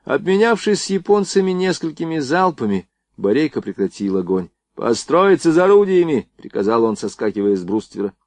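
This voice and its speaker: A man narrating a novel as an audiobook in a lively, expressive reading. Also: medium pitch, dry recording.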